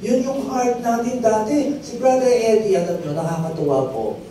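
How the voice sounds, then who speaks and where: A very high yet dark-toned male voice, expressive and at normal speed, carries this sermon. The pastor tells stories, repeatedly urges the congregation to say "amen," and pushes his testimony to rising emphatic peaks. Recorded at a distance in a highly reverberant hall with faint background noise.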